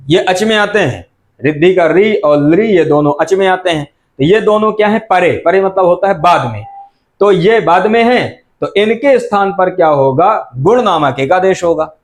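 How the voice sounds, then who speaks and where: A middle-aged man teaching Sanskrit grammar, asking questions and answering them himself and repeating the key terms. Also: high voice. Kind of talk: explanatory lecture.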